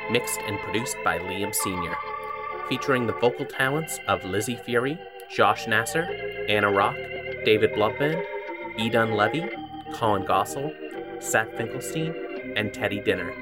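A man's voice: lowish voice, lively intonation, normal speed, natural voice. A man doing an old-time radio announcer. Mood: announcing. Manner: smooth, theatrical announcer delivery. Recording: over a loud organ music bed.

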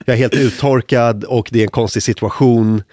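A man, a comedian guest telling a long anecdote in casual chat, animated and mimicking other people's voices. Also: medium pitch, no echo. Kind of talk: casual storytelling.

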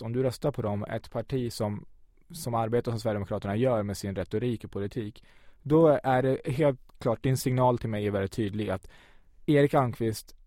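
An earnest man in a casual debate who argues with rising intensity. His voice is dark and mellow. The recording is dry and close on the mic. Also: medium pitch, no room sound. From grew up in Sweden.

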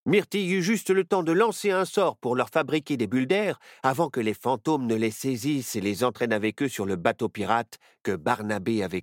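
A man narrating a children's story with an expressive, animated reading. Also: fairly low pitch, no room sound, clean studio sound.

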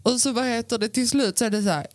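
A woman co-hosting a podcast in casual chat, telling a story in a teasing, animated way. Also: a little high, no room sound. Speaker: podcast co-host.

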